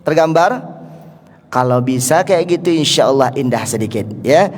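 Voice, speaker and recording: A man teaching Quran recitation to a congregation, coaxing listeners to repeat and breaking into slow, drawn-out chanted verses between his explanations. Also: medium pitch, animated. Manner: coaxes listeners to repeat, counting them in. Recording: long hall reverb with faint music.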